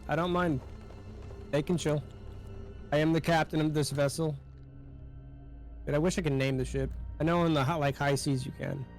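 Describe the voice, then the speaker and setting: A young man with a slightly high voice streams a game. He chats casually and slangily with friends and viewers over light background music. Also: fairly even intonation, moderate pace, long pauses. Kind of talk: casual gaming commentary and chat.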